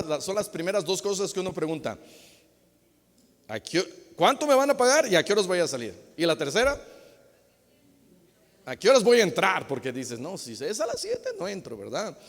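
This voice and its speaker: A man preaching a sermon as pastor, lively and acting out small dialogues. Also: high-pitched. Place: church hall. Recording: long hall reverb.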